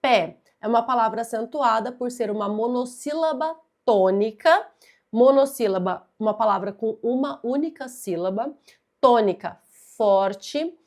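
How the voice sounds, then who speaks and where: A young woman teaches Portuguese grammar for exam preparation, a little slowly, talking directly to the student. She has a fairly high voice with a darkish tone and a patient, methodical style that emphasizes key words.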